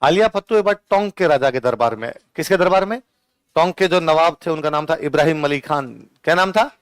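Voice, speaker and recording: A man's voice: a little high, clean tone, no room sound. Man, Rajasthani Hindi accent, classroom teacher, quizzing himself, dictating notes, resonant, dry sound. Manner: asks questions and answers them himself; dictates notes slowly, repeating each line. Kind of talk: exam-prep classroom lecture.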